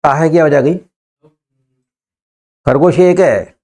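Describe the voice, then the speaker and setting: A man with an Indian accent teaches a live English class. His voice sits a little high. He coaxes the students along, repeats his prompts and pushes them to answer faster. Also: darkish tone. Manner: coaxing, repeats prompts, urges students to hurry.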